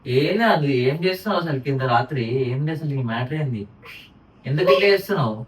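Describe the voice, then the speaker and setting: A woman's voice: deep voice, lively intonation, fast talker. Anxious woman questioning in a roomy room. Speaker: vlogger in a prank video. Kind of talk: casual argument at home. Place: home bedroom at night. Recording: roomy, distant mic with faint noise.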